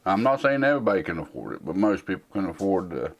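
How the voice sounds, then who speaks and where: Low-voiced folksy man in his forties. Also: sing-song, fast, creaky. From United States. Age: 40s. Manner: rambling and folksy, plain-spoken with many fillers. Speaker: host answering viewer questions. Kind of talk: casual Q&A chat.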